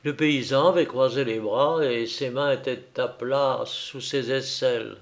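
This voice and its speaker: A man reading a literary story aloud as narrator in a measured, deliberate way. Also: mid-range voice, steady tone. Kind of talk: scripted audiobook narration.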